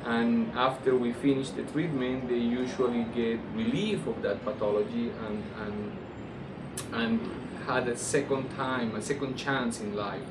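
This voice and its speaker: This orthopedic surgeon, a man with a Colombian Spanish accent, answers interview questions unscripted, expressively and without hurry. His voice is average in pitch, his phrasing halting and repetitive. The distant mic picks up a roomy space and air-conditioner hum.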